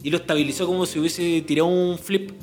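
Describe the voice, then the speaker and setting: A man's voice: on the high side, fairly even intonation, fast talker, a little mellow, soft background music. A young man with a Chilean accent, jumping into a shared story with jokes and slang. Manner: chiming in, joking, slangy. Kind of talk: casual storytelling chat.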